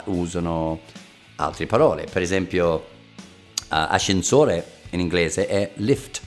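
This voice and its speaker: Playful low-voiced man teaching slowly. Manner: playful, jokey, switching between languages. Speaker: podcast host, English teacher. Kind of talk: casual podcast lesson. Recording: faint guitar music behind.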